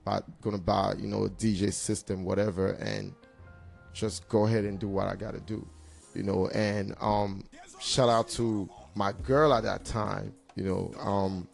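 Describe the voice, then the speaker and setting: Low, creaky-voiced man, confident. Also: little pitch movement, measured pace, soft background music. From Cameroon. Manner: confident, boastful, slangy. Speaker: DJ and hype man being interviewed. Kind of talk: casual interview storytelling.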